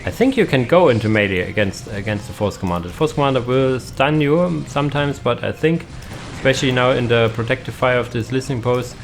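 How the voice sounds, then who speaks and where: A man's voice: medium pitch, fairly quick, few pauses, faint music behind. A young man giving casual, hesitant commentary on a strategy game match, with many fillers and restarts. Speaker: caster.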